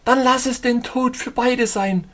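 A man reading an audiobook, voicing a frightened young woman who cries out in high, breathless lines. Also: expressive, a little slow. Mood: passionate.

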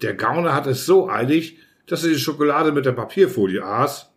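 A man's voice: mid-range voice, expressive, normal speed. Man reading a story aloud. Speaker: audiobook narrator. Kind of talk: first-person audiobook reading.

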